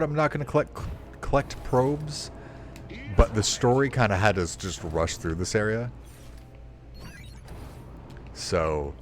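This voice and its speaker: Laid-back male streamer, lowish voice. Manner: rambling, swears freely, self-mocking. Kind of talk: casual gameplay commentary.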